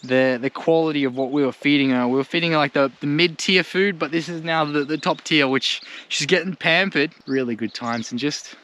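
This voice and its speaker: This travel vlogger, an Australian man, speaks fairly fast at a fairly high pitch with a slightly bright tone and barely pauses, chatting to viewers in a rambling, slangy, informal way. The clip was recorded outdoors at a rural bush campsite, with birds and other noise in the background.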